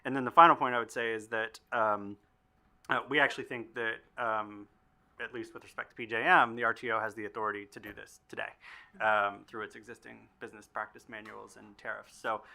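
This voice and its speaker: A man answering on a policy panel in a measured, careful way, with frequent pauses. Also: lowish voice, sharp tone. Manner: measured, careful, many ums. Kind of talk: panel discussion remarks.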